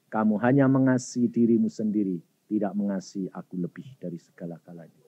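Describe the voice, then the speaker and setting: A man preaching while voicing Jesus as a grave, rebuking divine figure, speaking low and solemn. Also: flat delivery, fairly quick, dark tone, husky, dry recording. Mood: stern. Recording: dull lo-fi recording.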